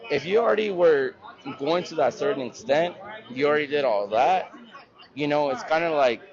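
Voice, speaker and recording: A young man with a fairly high voice rambles through a casual street interview, swearing and leaning on slang. The audio is a bit muffled, with a lively crowd around him. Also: normal speed. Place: busy public spot at night.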